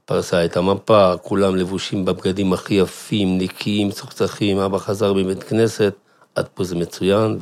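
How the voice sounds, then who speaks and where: A rabbi telling a family story to listeners, with an animated manner and questions put to the audience. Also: male voice, lowish voice, creaky. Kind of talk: storytelling talk.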